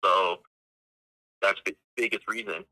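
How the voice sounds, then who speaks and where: A man's voice: low voice, steady tone, measured pace, bright, forceful tone, poor audio. A man heard over a phone on speakerphone, a phoned-in guest expert in casual chat who stops to search for names as he explains.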